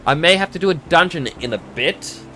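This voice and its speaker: Animated man streaming over music. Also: on the high side, a little fast. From Australia. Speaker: livestreamer, VTuber. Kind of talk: casual gameplay stream chat with read-aloud game dialogue. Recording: music behind the voice.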